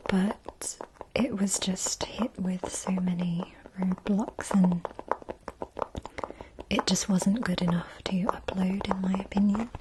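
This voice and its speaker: A woman speaks in a soft, fully whispered ASMR style, gentle and rambling. The recording has clear background noise with clicks. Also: medium pitch, steady tone, takes it slowly. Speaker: ASMR video creator.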